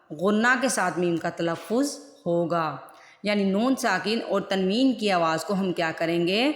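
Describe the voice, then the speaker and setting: A woman teaching a Quran recitation lesson, who repeats each rule and keeps putting questions to her viewers. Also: mid-range voice. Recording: echoey room with long reverb.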